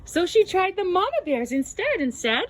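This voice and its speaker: A woman's voice: extremely high pitch, sing-song, moderate pace. A woman narrating a children's storybook tale aloud, with dramatic exclamations and gasps.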